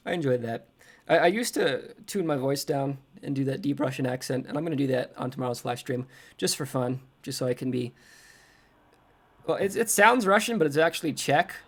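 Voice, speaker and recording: A man's voice: medium pitch, fairly quick. A man chatting casually on a trading livestream, rambling and poking fun at himself as he reacts to his screen. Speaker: crypto trading streamer.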